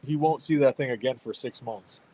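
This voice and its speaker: A man in his thirties hosting a casual chat, telling parenting stories in an animated way. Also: medium pitch, fairly quick. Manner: animated storytelling with laughs. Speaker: host.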